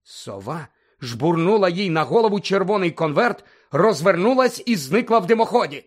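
A man narrating an audiobook in a dramatic, expressive reading style. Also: high voice, normal speed. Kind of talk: scripted narration.

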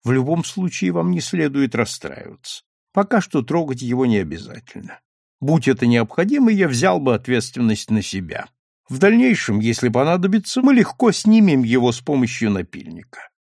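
A man voicing a calm, attentive male doctor who explains his observations in a measured way. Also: medium pitch, creaky, no echo, clean studio sound. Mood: explaining.

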